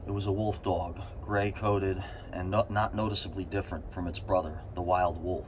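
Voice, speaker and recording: A man's voice: sits low, rough recording. A man reading a story aloud, with strained bursts of emphasis. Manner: strained bursts of emphasis, as if sitting in an ice bath. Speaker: reader of a short story. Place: in an ice bath. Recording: steady background noise.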